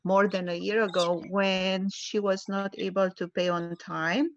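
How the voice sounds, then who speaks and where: A woman from Romania calling into a live Q&A, speaking slowly and carefully with many pauses. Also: mid-range voice, level tone, dry recording, dull audio. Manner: slow, careful, hesitant with fillers. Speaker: caller asking about a note. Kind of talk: live Q&A call.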